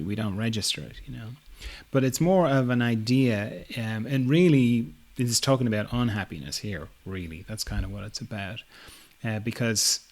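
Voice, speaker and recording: A middle-aged man hosting a podcast, musing in a relaxed, reflective spiritual talk, full of "you know" fillers and soft laughs. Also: mid-range voice. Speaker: podcast host.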